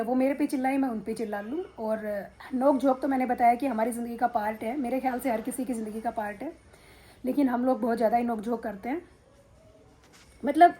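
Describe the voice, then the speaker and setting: A woman's voice: on the high side, dark tone, slight background noise, rough recording. A middle-aged woman vlogging casually into a handheld phone at home, frank and rambling with many fillers. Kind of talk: casual talk to camera. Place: drawing room at home. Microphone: phone held in hand.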